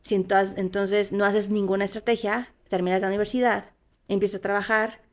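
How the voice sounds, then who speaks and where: A woman, a podcast co-host and financial advisor, explaining things in a relaxed conversational way. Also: mid-range voice. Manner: explanatory, conversational, many fillers like "o sea". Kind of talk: casual podcast chat.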